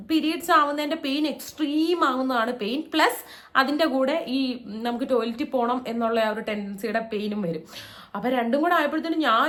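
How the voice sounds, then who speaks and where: A woman's voice: sits high, fairly bright tone. A young woman tells a personal story in a casual, chatty vlog, acting out quoted lines in raised voices. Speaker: vlogger.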